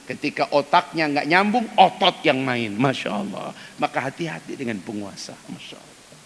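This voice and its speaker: A male preacher gives an emphatic dawn sermon, speaking straight to the men in the congregation. His mid-pitched voice has a gravelly edge. It rings with long reverb through a mosque hall, over a faint hiss. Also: moderate pace. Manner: acts out quoted prayers in loud, high cries. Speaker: ustadz preacher.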